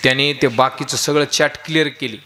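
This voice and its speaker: A man's voice: mid-range voice, steady tone, fairly quick, a crowd in the background. A man preaching a humorous devotional kirtan, telling stories animatedly and joking with his audience. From Maharashtra.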